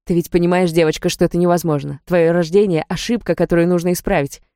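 A woman's voice: fairly low pitch, steady tone, fast talker, warm tone, dry recording, clean studio sound, natural voice. Woman voicing a scornful archangel commander. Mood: cold. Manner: mocking, condescending. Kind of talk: audiobook character reading.

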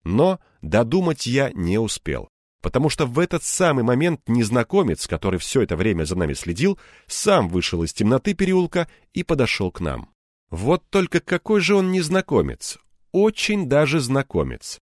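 A man's voice: medium pitch, wildly swooping pitch, moderate pace, no room sound, studio quality. A man reading a first-person audiobook narration with wry, ironic asides.

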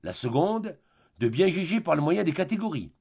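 A pedantic, long-winded philosophy tutor, as a male reader puts him on, listing terms one by one in a didactic tone. His voice is gravelly and a little high, with lively pitch. The audiobook recording is dull and lo-fi. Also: normal speed, heavily acted. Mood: lecturing. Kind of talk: audiobook reading of a classic play.

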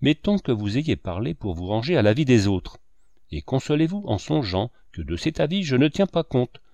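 Sardonic lecturing cynic from an audiobook, lively swooping delivery, dry close sound, read by a man. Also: medium pitch, moderate pace, dry recording. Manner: declamatory, sweeping and sardonic. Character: lecturing older male cynic, sardonic talker.

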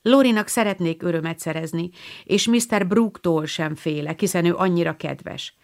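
Woman doing a timid sweet little girl, soft spoken. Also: fairly low pitch, close to an everyday voice. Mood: gentle. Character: shy, gentle young girl.

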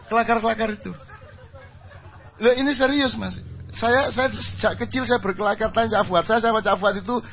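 A man's voice: high voice, lo-fi sound. A man with an East Javanese accent telling humorous stories at a religious gathering, self-mocking and slipping into Javanese. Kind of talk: humorous storytelling talk.

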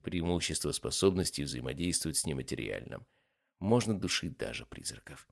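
A man narrating a fantasy story in a calm, even storytelling manner. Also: very deep voice, fairly quick, vocal fry, dry recording, studio quality. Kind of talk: audiobook narration.

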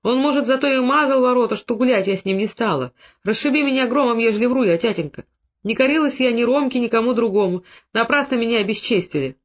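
Brief: man doing choked, tearful peasant girl, raised pitch, lo-fi. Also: quick pace. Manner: sobbing, choked. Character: young village girl, tearful and frightened. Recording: dull lo-fi recording.

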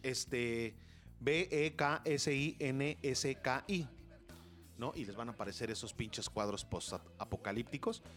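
A young man with a Mexican Spanish accent hosting a radio show, telling a story in casual, crude and animated slang and acting out the voices of the people in it. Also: mid-range voice, unhurried, faint music behind.

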